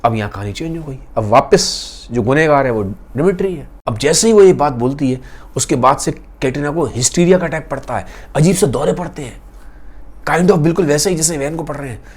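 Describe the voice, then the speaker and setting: A man's voice: fairly high pitch, animated, a little fast, slightly rough. A man retelling a classic novel in a casual, conversational and dramatic storytelling style.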